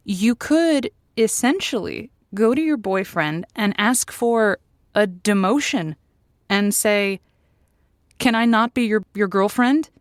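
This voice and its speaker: A woman plays a thoughtful, sympathetic host of a conversational call-in advice show, sounding amiable and delivering her lines hesitantly with some stammering. Her medium-pitched voice is animated and slow, recorded with clean studio sound and no echo.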